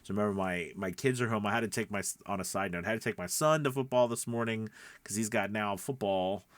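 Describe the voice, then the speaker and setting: This middle-aged host of a voice-over coaching video podcast talks fast in a lowish voice. His casual instructional vlog chatter rambles, and he keeps rephrasing what he says.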